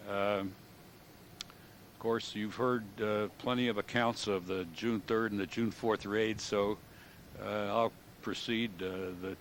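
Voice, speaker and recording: An American man in his seventies speaks in a fairly low voice, as an old veteran remembering wartime service. His delivery is halting and matter-of-fact, pausing as he recalls details. A light background noise runs beneath the recording. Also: fairly even intonation. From United States. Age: 70s. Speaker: World War II veteran giving an interview. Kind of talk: oral history recollection.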